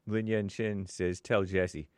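A man's voice: low voice, level tone, takes it slowly, a little mellow, no echo, clean studio sound. A man co-hosting a show, reading viewer messages aloud in a plain, matter-of-fact way with small asides.

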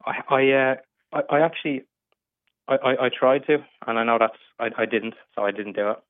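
A man's voice: mid-range voice, brisk, no echo. Stammering young man on a tinny phone line. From England. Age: 20s. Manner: hesitant, stammering with many restarts. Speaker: caller. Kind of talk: casual advice call.

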